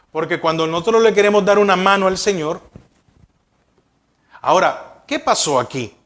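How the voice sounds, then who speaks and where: A man's voice: high-pitched, a bit bright. A male pastor preaching a sermon, asking the congregation rhetorical questions.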